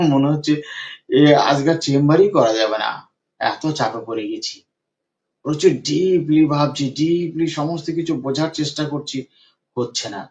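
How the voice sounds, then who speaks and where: A man working as a homeopathic doctor, retelling a patient's case and repeating phrases for emphasis. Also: a little high. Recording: dull lo-fi recording.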